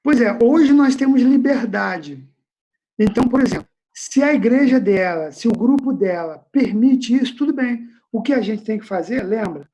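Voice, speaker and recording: A man's voice: very high voice, expressive, normal speed, dark tone, highs cut off. A male pastor leading an informal Bible study question-and-answer session over a video call from home, talking in a casual, slangy, conversational way.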